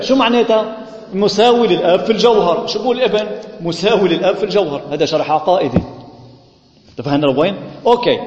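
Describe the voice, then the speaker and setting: Priest, quick and high, echoey hall. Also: male voice, a little mellow. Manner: asks the congregation questions and answers them himself. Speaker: priest teaching scripture. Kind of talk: Bible study sermon. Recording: echoey hall, muffled lo-fi sound.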